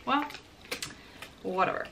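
A woman in her early twenties chatting casually to camera in a bubbly, excitable sorority-girl manner, often dropping in "like" as filler. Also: slow pace, noisy background. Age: early 20s. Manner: frequent filler "like". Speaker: college vlogger. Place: parked car and small bedroom. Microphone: camera at about arm's length.

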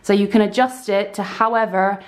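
A woman in her twenties from the UK, chatting enthusiastically on camera as she shows off her room, recorded on a handheld camera in a small bright room. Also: medium pitch, fairly even intonation, moderate pace. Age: 20s. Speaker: beauty YouTuber. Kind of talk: casual room tour vlog.

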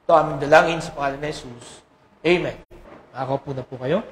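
A man's voice: a little high, a little fast, slight background noise. A male pastor preaching a sermon and praying, often breaking in with tag questions and hesitant fillers. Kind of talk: sermon with prayer and scripture reading. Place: church sanctuary. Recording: roomy church sanctuary echo.

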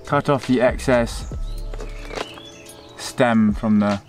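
Outdoors beside a river, a young man hosting a fishing channel chats casually with viewers, addressing them as folks and guys as he explains each step. He speaks extremely slowly at medium pitch with fairly even intonation, soft background music behind him, captured by a handheld camera at arm's length.

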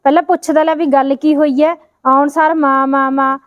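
A woman plays a quarrelsome young wife, her voice high and cutting. She taunts and scolds without letup. The sound is dry and slightly muffled. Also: flat delivery, moderate pace, no room sound, soft background music, close to an everyday voice. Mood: angry. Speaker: quarrelsome sister-in-law. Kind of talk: Punjabi short film acting.

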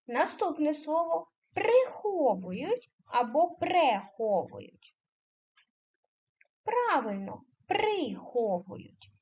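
A woman teacher giving a primary school grammar lesson, slowly questioning the children and confirming their answers. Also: high-pitched, lo-fi sound. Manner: slow, deliberate, questioning children and affirming answers.

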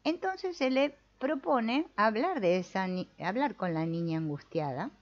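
A woman, calmly reading out and explaining a therapy case, often adding little tag questions as she goes. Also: medium pitch, measured pace. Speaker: spiritual self-help video host. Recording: dull lo-fi recording.

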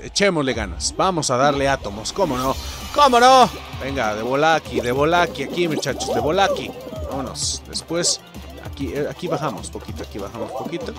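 Mexican guy streaming a game, high lively voice swinging all over, swears and yelps, game music behind. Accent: Mexican Spanish. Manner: loud, profane, yelps and laughs often. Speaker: gaming YouTuber. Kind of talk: excited gameplay commentary.

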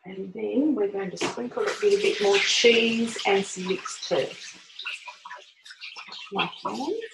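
An older woman hosts a home cooking demonstration, walking through each step in a chatty, homely way as she works in her kitchen. Her medium-pitched voice is slow with vocal fry, picked up by a camera on the counter in an echoey kitchen full of clicks and noise.

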